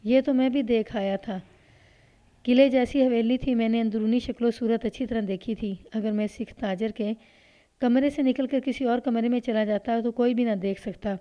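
A woman narrating a read-aloud story in a steady, measured way. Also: fairly high pitch. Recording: dull lo-fi recording.

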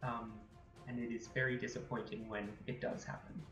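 A man's voice: medium pitch, flat delivery, normal speed, reverberant, music in the background. A man playing a tabletop game, chatty and laughing, talking to stream viewers. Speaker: player. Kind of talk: casual tabletop play.

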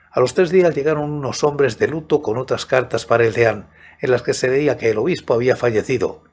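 A man in his sixties narrating a scripted story in a measured, soft-spoken way, close to a studio microphone. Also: mid-range voice, husky. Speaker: host and narrator of horror audiobook channel. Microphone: large studio microphone close to the mouth, headphones.

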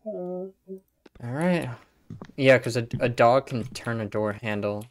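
A man's voice: medium pitch, expressive, takes it slowly. A man giving sarcastic, joking, profane commentary as he plays horror games. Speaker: gaming YouTuber. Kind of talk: gameplay commentary.

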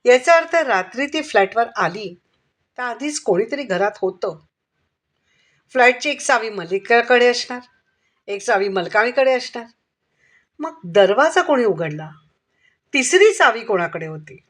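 A woman narrating a crime story in a steady storytelling manner. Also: fairly high pitch, unhurried, pauses often.

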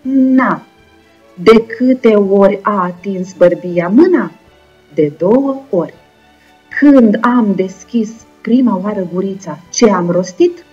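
A young woman teacher with a Moldovan Romanian accent, giving a video lesson to first graders in a slow, clear, encouraging way and sounding out words syllable by syllable. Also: medium pitch, lively intonation, warm tone. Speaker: primary school teacher. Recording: dull lo-fi recording with faint background music.

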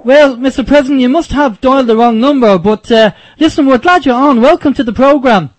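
A man hosting a late night call-in radio show, speaking in a hesitant, halting way with his caller. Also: very high voice, poor audio. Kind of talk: unscripted-sounding phone-in hosting.

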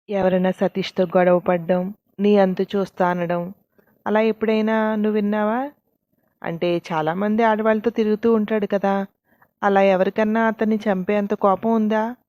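A woman's voice: mid-range voice, steady tone, moderate pace, dry recording, muffled recording, lightly acted. A woman voicing a female police officer who asks probing questions in a told story.

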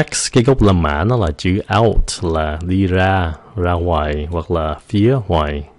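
A male teacher with a low, darkish voice gives a vocabulary lesson. He mixes English into his explanations and demonstrates pronunciation in a slow, drawn-out way.

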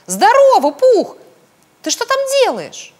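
Woman doing a squealing excitable little piglet. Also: high-pitched, moderate pace, slightly rough, long reverb tail, voice pushed up, heavily acted. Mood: excited, squealing. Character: tiny timid excitable young male piglet.

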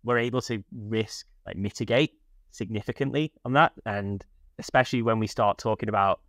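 Answering a podcast interviewer over video call, a tech company product leader in his thirties wears headphones in a small furnished room at home. He speaks at a moderate pace in a fairly low voice, eager and explanatory in a chatty way, and the recording is dry.

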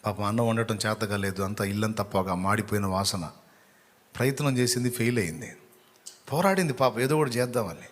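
Male pastor, lowish voice, sympathetic storyteller in a sermon. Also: fairly quick.

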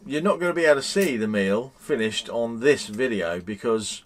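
A man's voice: medium pitch, animated, moderate pace. Middle-aged guy vlogging from his motorhome, lots of ums, a bit of background hiss. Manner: chatty, rambling with frequent ums and restarts. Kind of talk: casual vlog chat. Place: inside a parked motorhome.

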